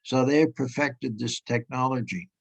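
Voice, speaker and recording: A man answering questions in halting explanations, with fillers and restarts, heard over an online group video call. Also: medium pitch, vocal fry, husky, highs cut off. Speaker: guest lecturer answering questions.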